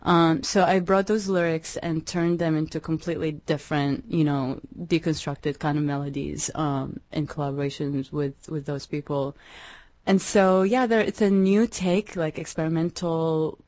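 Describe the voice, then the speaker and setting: A young woman from Iraq, a musician guest in an interview, speaking hesitantly with many pauses and restarts. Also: sits low, fairly even intonation, darkish tone, dry recording. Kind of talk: radio interview.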